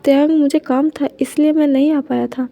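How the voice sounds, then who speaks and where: A gentle young husband who reassures and coaxes, voiced by a woman in a high, soft storytelling voice. His tone stays mellow and calming. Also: a little fast, gravelly. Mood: soothing. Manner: reassuring, coaxing.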